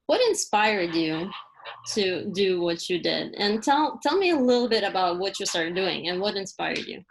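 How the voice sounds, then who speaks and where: A woman hosting a casual interview, speaking in a relaxed way with a few fillers. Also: mid-range voice, normal speed, vocal fry, a little hiss or hum, low-quality recording. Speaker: host, library staff interviewer.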